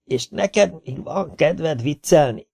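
A man's voice: on the high side, lively intonation, gravelly, a little mellow, husky, pitched above the performer's own voice, full character voice. A man voicing a panicked young man who stammers in a tormented voice.

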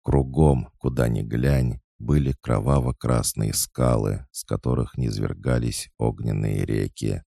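A man narrating a dark fantasy audiobook in a measured, dramatic way. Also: rumbling low, steady tone, vocal fry, no echo, studio quality.

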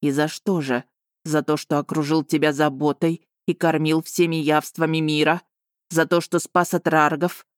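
A woman's voice: low-pitched, level tone, normal speed, dry recording, studio quality, lightly acted. A woman reading an audiobook, voicing a domineering, possessive dragon lord who talks with a hissing, growling menace. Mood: menacing.

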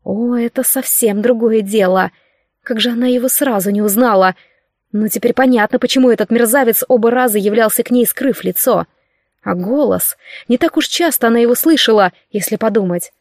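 A woman narrating an audiobook in a measured, expressive way. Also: a little high, no room sound, clean studio sound.

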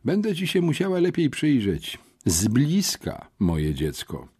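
A man's voice: medium pitch, wildly swooping pitch, unhurried, dark tone, slightly rough, pitched above the performer's own voice, full character voice. A man voicing a stern, commanding female school headmistress.

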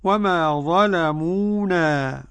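An older man with an Egyptian Arabic accent teaches Quran readings, quickly explaining the rules and then reciting verses slowly and drawn out. His voice is on the high side, a bit bright and smooth.

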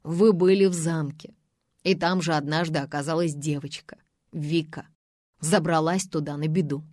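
A woman's voice: low voice, steady tone, normal speed, a little mellow, no echo, clean studio sound. A woman reading aloud, voicing a firm young man who presses a suspect with blunt questions.

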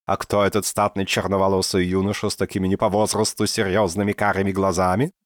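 A man voicing an excitable, theatrical professor in his sixties who rolls his R softly, in an audiobook. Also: low-pitched, fast talker, no echo, studio quality, close to an everyday voice. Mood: effusive. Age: 60s. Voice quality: soft burred R. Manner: theatrical, exclamatory. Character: excitable old male professor, theatrical and haggling. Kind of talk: audiobook character voice.

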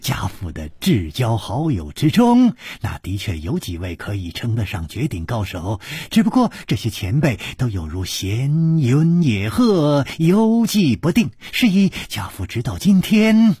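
A man voicing a courteous, scheming young male nobleman in a storybook tale, speaking in a hushed, sighing way. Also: medium pitch, very animated, measured pace, hardly any pauses, slightly rough, no echo, clean studio sound, pitched below the performer's own voice, exaggerated voice. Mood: polite.

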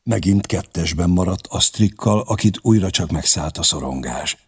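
A man narrating a historical novel as an audiobook, steady and expressive, with a gravelly, husky voice. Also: deep voice.

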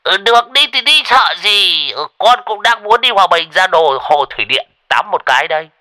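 A loud, goofy old man yells his boasts in a high, cracking voice, swinging wildly up and down, as a man puts him on. He laughs as he talks. The voice is close and dry. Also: lively intonation, extremely slow, clean tone, no room sound, full character voice. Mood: jolly.

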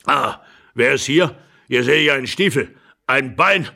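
A man voicing a fussy, excitable old husband who blusters hoarsely and shouts in agitation. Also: fairly high pitch, fairly quick, voice pushed up. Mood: flustered alarm.

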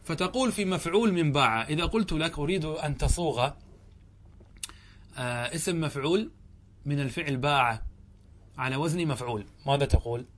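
A middle-aged man teaching a grammar class in a lecture style, with a slightly raised voice. He explains patiently and in steps, answering his own questions and reading passages aloud slowly. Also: on the high side, expressive, a little hiss or hum. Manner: reads the text aloud slowly, stretching out words. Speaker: sheikh teaching Arabic grammar.

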